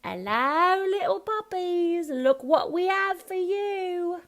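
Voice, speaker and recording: Woman doing a grinning Cockney crook, dropped H's, slow and loud. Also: very high voice, expressive, voice pushed up, full character voice. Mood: broad, jolly. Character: scruffy Cockney henchman, man, dim and jolly.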